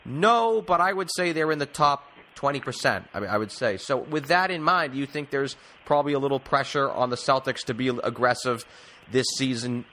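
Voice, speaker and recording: Bright and forceful at a medium pitch, this male host runs a sports talk podcast, interviewing guests and signing off in a wordy, emphatic announcer style. A music bed sits under his voice, along with a little hiss or hum.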